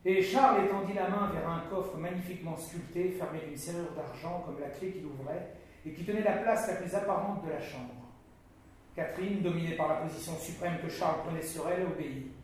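A man narrating a classic novel in a dramatic, measured way. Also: on the high side, slight background noise. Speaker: reader. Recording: very echoey, distant mic.

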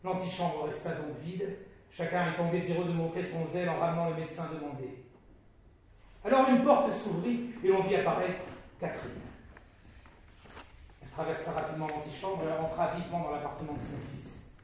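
A man narrating a classic novel in a dramatic, measured way. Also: fairly high pitch, slight background noise. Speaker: reader. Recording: very echoey, distant mic.

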